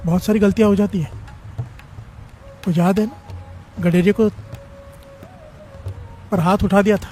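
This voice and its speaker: Male preacher, high voice, fervent call-and-response sermon, soft music behind. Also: steady tone, a little slow, pauses often. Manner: fervent call-and-response, urging the congregation to chant back. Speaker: preacher at a devotional gathering.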